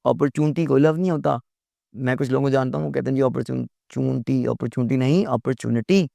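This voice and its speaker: A man teaches a lesson in a gravelly, creaky voice. He explains patiently, repeats key points and addresses the listener politely. The recording is close and dry. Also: medium pitch, steady tone, racing, mellow, no echo. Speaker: English teacher. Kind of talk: lecture.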